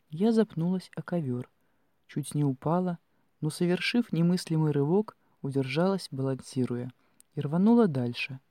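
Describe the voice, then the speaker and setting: A man reading a first-person fantasy audiobook in an expressive storytelling manner. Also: on the high side, no echo, clean studio sound. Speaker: audiobook narrator. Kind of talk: scripted fiction narration.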